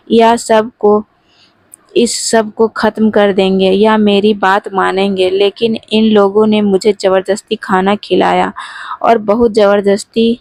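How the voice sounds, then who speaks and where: A woman narrating a sad first-person story in a calm, steady way. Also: medium pitch, no room sound.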